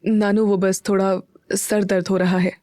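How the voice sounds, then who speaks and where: Woman playing a young husband, brooding, heartsick, subdued, low murmur, dry close recording. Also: level tone, a little slow, mellow, no echo, close to an everyday voice.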